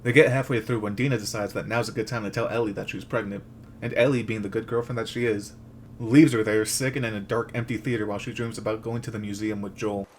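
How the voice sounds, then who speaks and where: A man's voice: lowish voice, steady tone, fast talker, slight background noise. A man delivering a scripted comedic rant as host, with sarcastic, crude, slangy jokes. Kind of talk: comedic rant recap of a video game, scripted narration.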